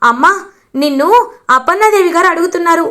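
A woman's voice: very high voice, fairly quick, pushed and bright, pitched above the performer's own voice. A woman doing a cheeky little boy. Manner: blunt, matter-of-fact replies. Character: young boy, plain-spoken and cheeky.

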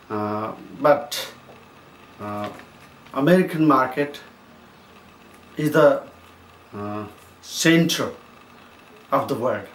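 A middle-aged man from Nepal answering interview questions as a writer, speaking in a measured way with many pauses and fillers. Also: medium pitch. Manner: measured, with frequent hesitations and fillers. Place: plain indoor room. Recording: echoey room with faint noise.

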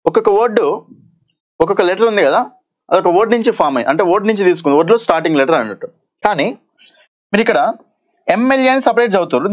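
Lively man teaching exam English. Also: high-pitched. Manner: explains in Telugu mixed with English terms, often asks "okay?"; reads English question text slowly and deliberately. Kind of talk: exam-prep lesson.

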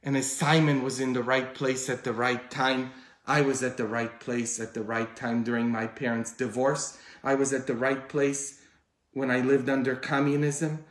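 A middle-aged male priest preaching a heartfelt homily, moving between loud pleading and quiet, intimate words. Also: medium pitch, little pitch movement, moderate pace. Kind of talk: sermon. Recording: echoey room.

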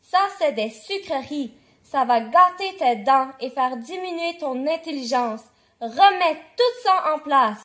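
A stern but loving storybook father, as a woman reader puts him on. He speaks slowly and firmly when he scolds, and his voice stays high and clear. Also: animated, a bit bright. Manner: slow, firm scolding.

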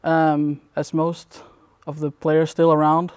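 A young Danish man, a competitive gamer, answers interview questions slowly in a relaxed, rambling way with lots of fillers. His smooth, clear voice sits a little high for a man and stays flat in melody. He's in a dim indoor room at a gaming event, but the recording is dry and close with no room sound.

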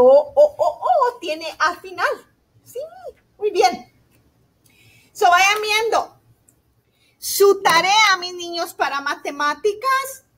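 A woman teacher giving a remote lesson to young children, slow, sweet and encouraging, asking "ok?" often and mixing in English words. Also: very high-pitched, fairly bright tone. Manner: mixes in English words like "so" and "all right".

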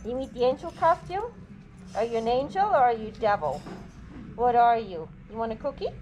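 Walking her service dog through the shops of an indoor mall, a woman keeps up casual vlog chatter and cheerfully coaxes and praises the dog during training. Her voice is a little high, with lively intonation and a slightly fast pace. Audio comes from an action camera mounted low on the dog, with heavy mall noise behind her.

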